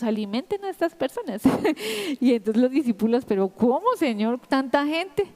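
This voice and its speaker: Woman preacher, women's meeting; higher-pitched, mellow voice, conversational storytelling sermon. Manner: storytelling, retelling Bible scenes with quoted voices; warm, conversational asides to listeners. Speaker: women's ministry speaker.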